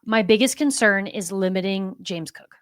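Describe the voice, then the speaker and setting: A woman co-hosting a sports podcast, talking casually, agreeing readily and thinking out loud. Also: mid-range voice, moderate pace, no echo, studio quality. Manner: conversational, agreeable, thinks aloud. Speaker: podcast co-host.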